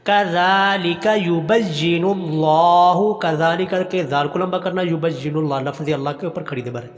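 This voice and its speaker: High-voiced man teaching Quran recitation. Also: big-room sound, lo-fi sound. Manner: slow chanted recitation, then plain explanation. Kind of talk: recitation lesson.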